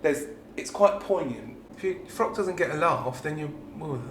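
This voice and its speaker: A pantomime dame performer with a British accent talks informally and reflectively in an interview, often letting his thoughts trail off. His fairly high voice is animated and moves at a normal speed. The recording has a roomy echo and background noise.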